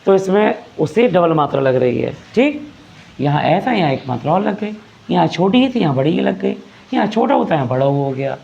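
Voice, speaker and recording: High gravelly male teacher, lo-fi. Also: darkish tone. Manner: explains patiently, repeats phrases and asks rhetorical questions. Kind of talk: classroom lesson on grammar. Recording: dull lo-fi recording.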